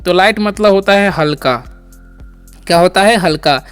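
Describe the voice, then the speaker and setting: A man's voice: high voice, normal speed, a bit bright, clear, resonant tone, soft background music. A young man teaching English word pronunciation, repeating each word and quizzing the listener. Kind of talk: spoken language lesson.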